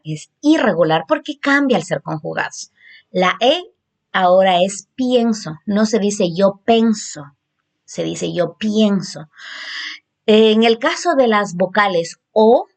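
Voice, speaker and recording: A woman teaching a grammar lesson on verb conjugation, explaining patiently with fillers and repeated examples. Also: mid-range voice. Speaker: Spanish teacher.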